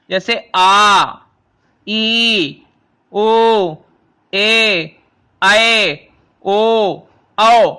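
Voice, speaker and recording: High, bright-voiced Hindi grammar teacher. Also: male voice. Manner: explains patiently, repeating and rephrasing terms; addresses students as children. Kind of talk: classroom lesson explaining vowels.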